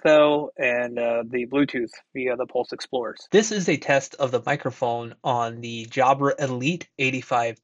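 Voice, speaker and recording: A man speaks through a bluetooth headset mic, the sound dry and close with no room around it. His talk is relaxed and rambling, full of fillers, at an ordinary middle pitch. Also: no echo, muffled recording. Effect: heard through earbud and headset mics. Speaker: tech reviewer. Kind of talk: casual mic test talk.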